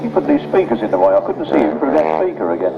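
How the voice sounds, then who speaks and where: A man's voice: medium pitch, sing-song, very fast, vocal fry, reverberant, loud music behind the voice. A man giving live motorsport commentary and results, with colloquial, wry asides, over a trackside announcing system. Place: outdoor grasstrack circuit, commentary over speakers. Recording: muffled, noisy trackside PA from far off. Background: loud engine and vehicle noise.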